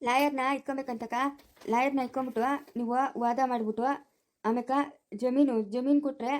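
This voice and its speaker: A young woman rattles off her lines quickly in a high, bright voice, with a rural Chikkaballapur Kannada accent. She plays a village comedy skit, coaxing and consoling the others in long, chatty runs. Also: steady tone. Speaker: family skit performer.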